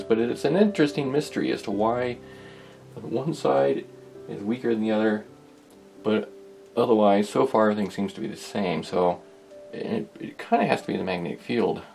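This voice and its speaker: The host of a hobby electronics restoration video narrates his workshop project informally, thinking out loud in a hesitant, rambling, musing way. His voice is lowish, creaky and darkish in tone.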